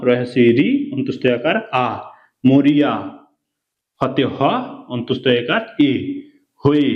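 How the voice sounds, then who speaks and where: A man gives a reading lesson, breaking each word into its letters and syllables before saying it whole. His mid-pitched voice sounds a little dull and lo-fi, with a roomy echo around it. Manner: spells words syllable by syllable, slow and repetitive. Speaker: reading teacher. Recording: echoey room, dull lo-fi sound.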